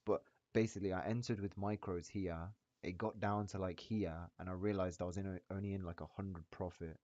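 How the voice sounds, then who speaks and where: Deep-voiced frat-bro guy in echoey audio. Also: steady tone, brisk, darkish tone. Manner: frat-bro slangy hype talk, peppered with bro and boys. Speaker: day trader sharing screen with a group. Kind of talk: casual chat among trading friends. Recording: dull, roomy echoey voice-chat audio.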